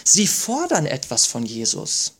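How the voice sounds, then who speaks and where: Emphatic German preacher man, slightly high. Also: huge pitch swings, fairly bright tone, slightly rough. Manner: emphatic, rhetorical questions, reads scripture aloud slowly. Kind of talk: sermon.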